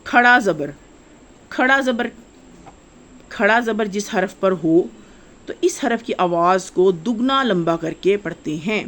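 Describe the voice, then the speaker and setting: A woman, teaching children to read the Quran in a slow step-by-step lesson, repeating each rule and spelling out syllables with drawn-out vowels. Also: mid-range voice, expressive, fairly bright tone.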